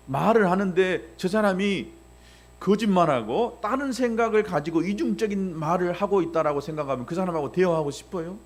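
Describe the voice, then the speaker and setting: A male pastor delivering a sermon. He asks the congregation rhetorical questions and acts out little voices along the way. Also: a little high. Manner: animated preaching with rhetorical questions, acting out voices.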